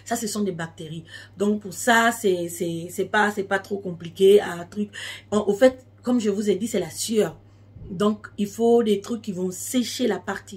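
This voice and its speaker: A woman's voice: mid-range voice, husky. A woman speaking a language that is not her first, chatting casually to followers as a beauty tips vlogger, explaining things with emphatic repetition. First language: not French.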